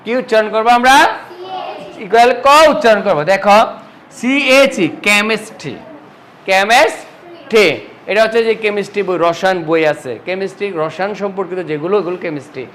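A man's voice: high voice, fast, fairly bright tone, slight background noise, low-quality recording. A man teaching an English pronunciation lesson, who asks his class questions and answers them himself.

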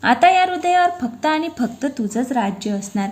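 A woman's voice: on the high side, expressive, moderate pace, darkish tone. A woman voicing a playful, affectionate young husband who teases his wife, in a storybook reading. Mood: teasing. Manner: teasing, affectionate.

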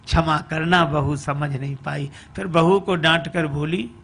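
Brief: slow, high-voiced male preacher, folksy and animated. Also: gravelly, a little hiss or hum. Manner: folksy, animated narration with sung verses. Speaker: spiritual storyteller. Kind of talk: devotional sermon storytelling.

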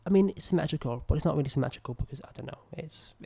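A young adult filmmaker, ill and croaky-voiced, casually comments over footage of his old film, rambling and criticizing himself with lots of fillers. He talks very fast in a mellow voice, close to a boom-arm studio mic at a desk in a small indoor room, with soft music in the background.

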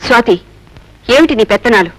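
A woman's voice: fairly high pitch, lively intonation, fairly quick, dry recording, poor audio. A woman playing a protective, scolding mother in film dialogue.

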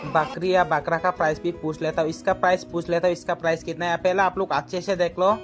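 It's casual market vlog narration: a young man on the high side, speaking fast in a level tone, talks into a phone held out at arm's length while soft music plays. He's chatty with his viewers, calls them "guys," and asks what things cost at the outdoor market.

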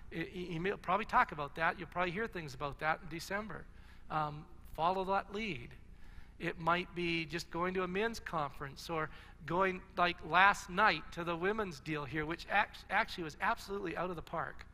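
A man's voice: high-pitched, sharp tone. A man preaching a sermon as pastor, earnest and conversational, with restarts and little asides. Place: large church hall. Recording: long church-hall reverb.

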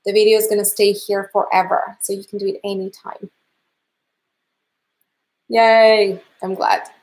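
This painting instructor, a woman in her thirties from Canada with a Russian accent, is finishing a livestream class in her home art studio. Her mid-range voice stays level, a little slow and a little mellow, though friendly and upbeat in tone. The recording is poor.

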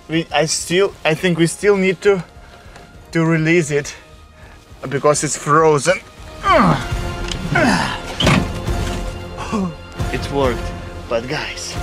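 Outdoors in winter, an excitable young man with a Slavic accent pokes around a boat cabin full of snow, calling out each discovery for his exploring vlog. His voice is on the high side, and his grammar is non-native.

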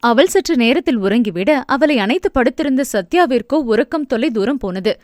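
A woman reading an audio novel aloud as its narrator, in steady storytelling narration. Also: a little high, moderate pace, no room sound, studio quality. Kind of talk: scripted narration.

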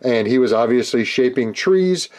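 Male hobby host, mid-pitched, casual and jokey with a deadpan streak, talking through a kit build in his workshop. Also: moderate pace. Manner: playful, deadpan jokes.

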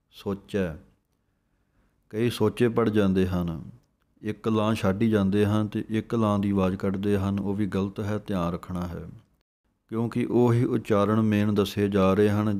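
Punjabi guy teaching how to recite, real slow, drawn-out syllables, lowish voice. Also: a little mellow. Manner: pronounces words slowly syllable by syllable, then explains. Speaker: scripture pronunciation teacher. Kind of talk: slow, careful recitation lesson.

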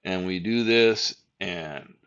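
An older man hosts a tech tutorial, narrating a screen-recorded server walkthrough and explaining each step plainly and methodically. His deep voice moves at a slow pace, sounding a bit bright and clean in tone despite the muffled recording.

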